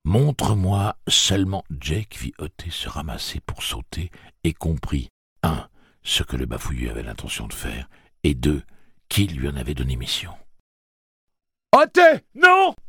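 Super deep raspy guy narrating an audiobook, lively delivery, dry close mic. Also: normal speed, no echo. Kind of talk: scripted narration.

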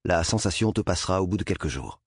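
A man voicing a middle-aged doctor explaining a procedure in a measured, clinical way. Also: low voice, expressive, slightly rough, no room sound, studio quality, heavily acted. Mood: calm.

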